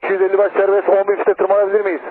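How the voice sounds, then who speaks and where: A man speaking as an airline pilot over the aircraft radio, in brisk and formal cockpit phrasing with air traffic control. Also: high-pitched, monotone. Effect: pilot heard over an aircraft radio. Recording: tinny radio transmission with faint noise.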